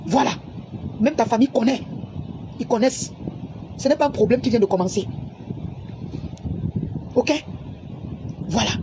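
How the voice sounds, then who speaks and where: A woman's voice: sits high, background noise. A woman, scolding and repeating herself in an angry livestream on her phone camera. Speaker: social media personality.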